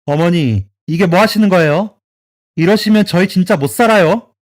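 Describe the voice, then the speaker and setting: A man voicing a shocked young wife who shouts back in protest in a storytelling radio drama. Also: sits high, moderate pace, pitched above the performer's own voice, natural voice. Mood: outraged.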